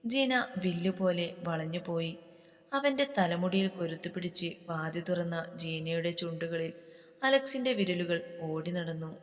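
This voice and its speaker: Woman reading a love story aloud, low calm voice, long echo like a big hall. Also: a little slow. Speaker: story narrator.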